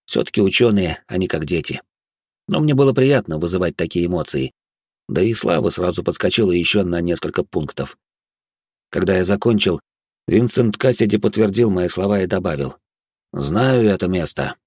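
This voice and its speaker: A man reading an audiobook in the first person, steady and even. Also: low voice, husky, dry recording, studio quality. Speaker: audiobook narrator.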